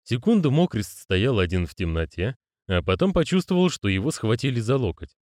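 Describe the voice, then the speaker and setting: A man narrating an audiobook in a measured storytelling manner, voicing the characters. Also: mid-range voice, big pitch swings, darkish tone, no echo, clean studio sound. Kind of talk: scripted narration.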